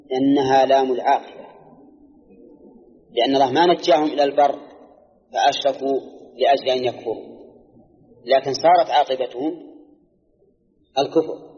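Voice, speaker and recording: Najdi sheikh teaching a class, measured and explanatory, dull old tape with hall echo. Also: male voice, medium pitch, mellow. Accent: Najdi Arabic. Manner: measured, explanatory, quizzes listeners. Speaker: Islamic scholar teaching Quran exegesis. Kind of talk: classroom lecture with questions to students. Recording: dull, echoey archival lecture recording.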